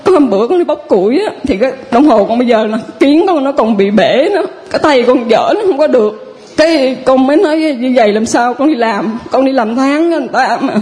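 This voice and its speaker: A woman with a southern Vietnamese accent, a parishioner giving a personal testimony in a halting, rambling way with many restarts. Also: high voice, animated, a little mellow.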